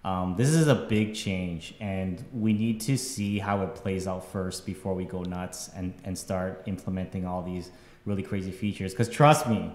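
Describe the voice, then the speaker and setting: A man's voice: on the low side, darkish tone. A man, a game developer on a live stream, talking casually and rambling with lots of fillers and tag questions. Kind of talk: casual panel chat. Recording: echoey room with long reverb.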